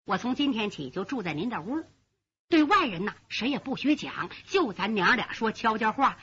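A woman's voice: fairly high pitch, sing-song, normal speed, bright, forceful tone, breathy edge, voice pushed down, heavily acted. A woman doing an earnest young son, urgent, dull lo-fi sound. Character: young man, devoted returning son.

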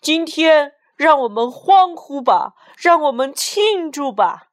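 A woman's voice: medium pitch, animated, takes it slowly. A woman playing a pompous, greedy male mayor who drawls smugly and throws in English words. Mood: boastful. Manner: boastful, smug drawl, mixing in English.

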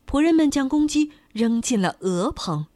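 A woman narrating a children's folk tale with an expressive, animated reading. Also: sits high, normal speed, no room sound. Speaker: storyteller.

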